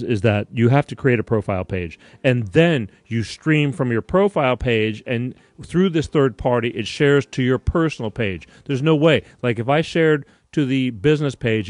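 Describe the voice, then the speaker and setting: A man's voice: mid-range voice, darkish tone, dry recording. A man from Connecticut hosting a live-streamed talk show, rambling from one point to the next with casual swearing. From Connecticut, USA. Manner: rambling, digressive, with frequent restarts and casual swearing.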